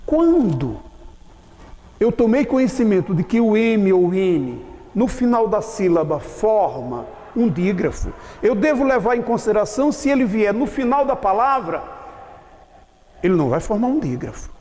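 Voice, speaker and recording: A man teaching a grammar lesson, explaining slowly and often checking whether his students have understood. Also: high voice, very animated, a little mellow, long reverb tail, a little hiss or hum. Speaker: Portuguese teacher. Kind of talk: classroom lecture.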